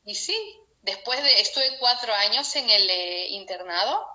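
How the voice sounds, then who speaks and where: This young woman from Peru tells her personal story at a measured pace, her mid-range voice sharp in tone and lively in intonation. She's being interviewed on a video call, speaking with a Peruvian Spanish accent, earnest and sometimes laughing.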